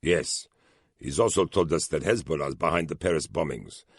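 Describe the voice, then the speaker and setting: A man voicing a German intelligence officer who speaks low and confidentially in a thriller audiobook. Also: normal speed, slightly rough, dry recording, clean studio sound, full character voice. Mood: confiding.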